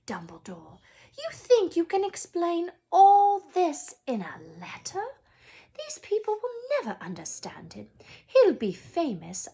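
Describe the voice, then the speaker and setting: A woman's voice: very high-pitched, warm tone, pitched above the performer's own voice, heavily acted. A woman voicing a stern, anxious older witch professor from a storybook, emphatic and incredulous.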